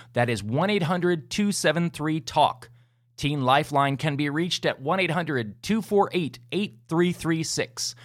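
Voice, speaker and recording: A man's voice: a little high, a bit bright, no room sound, clean studio sound. A man hosting a podcast, closing the episode in an earnest, encouraging way and reading out the outro. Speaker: podcast host. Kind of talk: podcast host wrap-up and outro.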